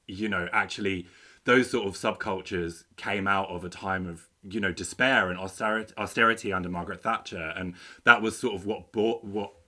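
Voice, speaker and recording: A man's voice: low-pitched, fairly even intonation, normal speed, pushed and bright. A man, co-hosting a podcast and talking candidly about his past, with frequent hesitations. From East London, England. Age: late 30s. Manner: candid, reflective, hesitant with many fillers. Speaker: podcast co-host. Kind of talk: casual chat.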